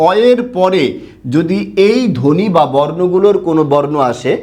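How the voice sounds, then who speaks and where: A man's voice: a little high, moderate pace, mellow. A man teaching pronunciation in an online lesson, asking questions and answering them himself, drawing out words to show each sound. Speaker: Bengali grammar teacher.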